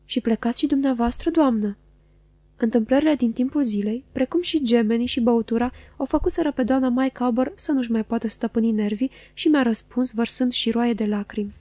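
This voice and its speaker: A woman narrating a classic novel as an audiobook in a measured, expressive reading. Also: on the high side, no echo.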